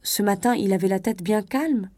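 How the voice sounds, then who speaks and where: A woman voicing a calm clerk cousin. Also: medium pitch, normal speed, no echo, lightly acted. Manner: calm, matter-of-fact. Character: composed male cousin, a civil servant.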